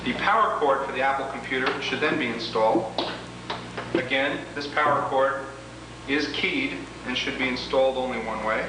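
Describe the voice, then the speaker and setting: Speaking steadily in a mid-range voice, a man demonstrates a product one step at a time, careful and methodical in his instructions. He is captured on a noisy, echoing 1980s demo tape with a distant mic.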